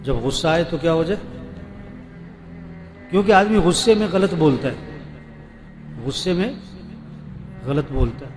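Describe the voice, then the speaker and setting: Guy preaching in urdu w a pakistani accent, keeps asking the crowd questions, slightly high voice, music behind. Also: lively intonation, pauses often. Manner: rhetorical questions, call-and-response repetition. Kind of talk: sermon to a seated gathering.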